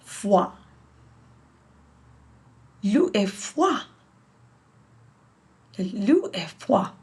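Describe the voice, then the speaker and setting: Very slow, careful woman learner. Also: a little high. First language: not French. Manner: repeats each phrase carefully, self-correcting. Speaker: channel host practicing French. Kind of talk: slow pronunciation practice.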